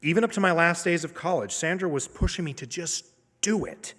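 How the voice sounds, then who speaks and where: A man in his thirties telling a personal story on stage, casual and self-deprecating with dramatic pauses. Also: fairly high pitch, a bit bright. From Maine. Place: opera house stage. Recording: long hall reverb.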